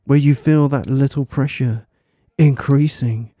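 A man doing a hypnotic ASMR role-play in a soft, soothing voice right in the listener's ear, with slow, suggestive, deliberate phrasing. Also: medium pitch, fairly even intonation, no echo, studio quality. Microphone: close microphone, dry sound.

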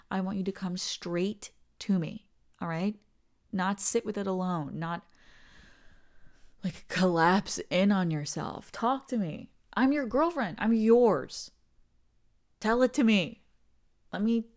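A woman plays a sweet, devoted young girlfriend for ASMR, her voice sitting on the low side. She talks slowly to reassure, softly and often in whispers, with a gravelly vocal fry.

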